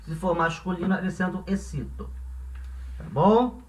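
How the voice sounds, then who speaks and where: Man, high voice, language teacher, patient, repeats examples, echoey room, distant mic. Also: expressive. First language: Portuguese. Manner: patient, repeats examples slowly with checking questions. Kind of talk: classroom-style lesson explanation.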